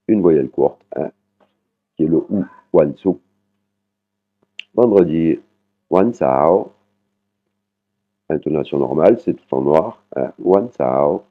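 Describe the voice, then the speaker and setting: Very deep-voiced man teaching over a tinny line. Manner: patient explaining, with frequent "hein" tags and slow repeated Thai words. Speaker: Thai language teacher. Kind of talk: online language lesson. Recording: muffled, phone-like sound.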